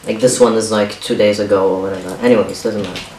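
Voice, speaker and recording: Speaking with fairly low pitch and fairly even intonation, the young man, whose first language is Arabic, shares confessions on his home vlog in a soft, halting way, restarting again and again. A distant camera on a stand a few feet away in his small kitchen gives the audio a roomy quality and faint hiss.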